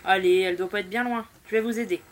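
Actress as blunt female chambermaid, helpful, casual colloquial speech, mid pitch, radio drama, faint background noise. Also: fairly even intonation, quick pace, close to an everyday voice. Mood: concerned, helpful. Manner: plain-spoken, casual.

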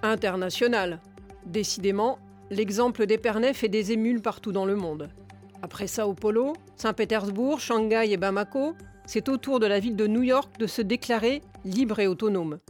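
Brisk woman reading a parody newscast. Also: medium pitch, a little mellow. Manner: brisk, matter-of-fact news delivery. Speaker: newsreader. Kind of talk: parody news bulletin. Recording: faint music under the voice.

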